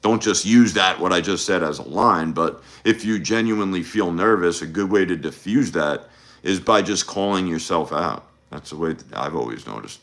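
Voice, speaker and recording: A man's voice: sits low, normal speed, a bit bright. A man coaching on dating in a loose, rambling livestream chat, full of fillers and restarts. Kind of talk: casual livestream talk. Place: home livestream.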